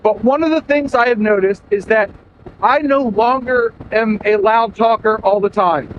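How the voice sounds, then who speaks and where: A man chats to camera from his motorcycle, his voice strained very high and loud as he yells over the wind. The sound is muffled and dull. A faint hum of engine and wind runs underneath. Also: moderate pace. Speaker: motorcycle vlogger. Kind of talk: casual talk to camera while riding. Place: outdoors riding a motorcycle.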